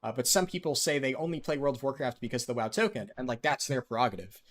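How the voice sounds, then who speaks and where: Another American gamer is live on stream, talking loosely with viewers and dropping plenty of ums and likes along the way. He speaks fast in a mid-range voice.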